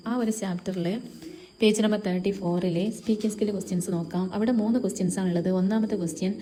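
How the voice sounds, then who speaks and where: Mellow-voiced woman teaching a textbook lesson. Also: mid-range voice, slight background noise. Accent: Kerala. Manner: reads Hindi words, then explains them in Malayalam.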